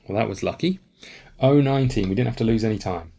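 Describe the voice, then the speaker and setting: A man's voice: lowish voice, fast, gravelly, mellow, breathy edge. A man casually playing a solo board game, reading out rules and thinking aloud as he checks his moves. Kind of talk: casual tabletop playthrough.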